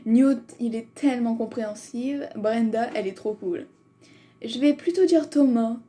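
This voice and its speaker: A woman's voice: fairly high pitch, unhurried, warm tone. A woman vlogger chatting casually as she reads quiz questions aloud, giggling and making self-mocking asides. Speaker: vlogger doing a fan quiz.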